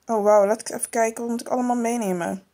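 A woman's voice: a little high, fairly even intonation, quick pace, dark tone, lightly acted. Woman doing a whiny little girl. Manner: whiny, grumbling. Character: reluctant little girl who skips daycare. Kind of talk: toy-figure storytelling.

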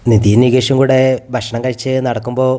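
A man briskly retelling a TV serial episode in a matter-of-fact storytelling style. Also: medium pitch, steady tone, warm tone. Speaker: TV serial recap narrator. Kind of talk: rapid storytelling recap.

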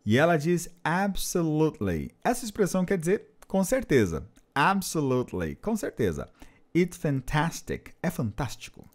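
A man's voice: a little high, sing-song, normal speed. A man teaching an English lesson, patiently repeating and translating phrases. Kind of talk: explanatory language lesson.

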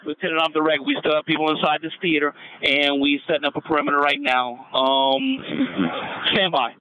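A man's voice: on the high side, expressive, brisk, slight background noise. A male police officer speaking over a radio in an urgent, commanding manner. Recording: muffled lo-fi police radio transmission.

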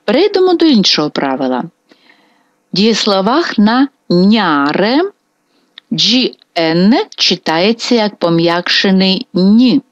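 A woman teaching a grammar lesson on video, spelling out verb forms slowly and with care. Her pitch rises and falls a lot as she stresses each ending. The sound is dry and a little dull and lo-fi. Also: very animated, dry recording. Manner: slow, careful drilling of verb forms. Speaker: Italian language teacher.

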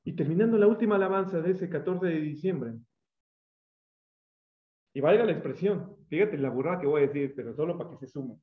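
Mexican guy preaching, high voice, tells stories and acts out the voices, dull echoey sound. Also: a little fast. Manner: lively storyteller who acts out quoted voices. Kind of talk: storytelling sermon.

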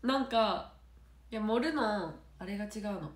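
A woman chats casually on a livestream, giggling often and drifting between soft murmurs and brighter bursts. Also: mid-range voice, a little slow. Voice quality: nasal. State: stuffy nose. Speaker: idol trainee on a livestream. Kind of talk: casual livestream chat answering comments. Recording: roomy echo.

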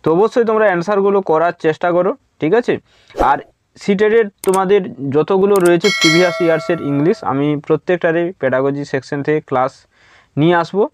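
A man teaching an exam-prep lesson. He reads English questions slowly and explains them in Bengali, often filling with "thik ache.". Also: high voice. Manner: repeats "thik ache" as a filler. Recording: dull lo-fi dry close mic.

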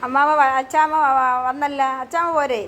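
A woman working as a preschool teacher who talks with small children in a sing-song way, asking them questions and gently scolding them. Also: high voice, little pitch movement, moderate pace, slight background noise. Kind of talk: coaxing talk with small children. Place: preschool classroom.

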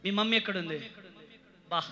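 A man pastor leading a revival sermon, shouting and chanting fervently, then questioning people gently. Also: sits high, fairly quick. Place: church revival meeting. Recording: live hall with music and crowd. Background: music and congregation.

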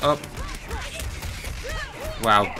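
A man casually commentating on a fighting game he is playing, self-deprecating and exclaiming in surprise at each moment. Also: extremely slow. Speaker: gaming channel host. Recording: game music playing behind.

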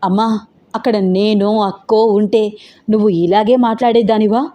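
A woman voicing a calm, grave young schoolgirl who speaks firmly and solemnly in an audio story. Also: medium pitch, normal speed, close to an everyday voice. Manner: firm and solemn.

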